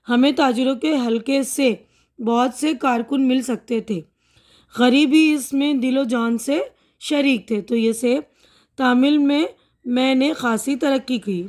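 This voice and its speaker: Woman, teacher, high-pitched, patient, explains each word twice, mixes in English terms. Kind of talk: explaining a textbook lesson.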